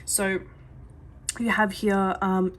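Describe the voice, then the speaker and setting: A psychic reader with a mid-range voice speaks slowly and flatly, reading coffee grounds for a client with slight background noise. Talking straight to her client, she is earnest, reassuring and chatty, full of fillers and restarts, and repeats that she does see things.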